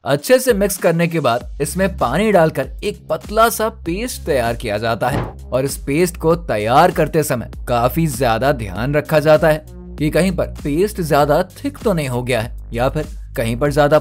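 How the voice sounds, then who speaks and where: Higher-pitched man narrating a factory explainer. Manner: steady explanatory tone, addresses viewers directly. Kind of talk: scripted voice-over narration. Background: faint background music.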